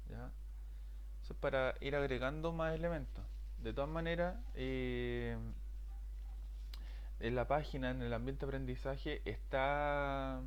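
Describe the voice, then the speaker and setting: A man's voice: mid-range voice, clean tone. A man teaching programming in a screen-recorded lesson, checking in often with his students. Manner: frequent "¿ya?" check-ins, explanatory.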